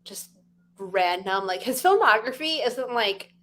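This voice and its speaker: A young woman co-hosting a podcast, chatting excitedly and packing her talk with "like". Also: on the high side, a little hiss or hum. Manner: excited, fast chatter full of "like". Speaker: podcast co-host. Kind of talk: casual chat.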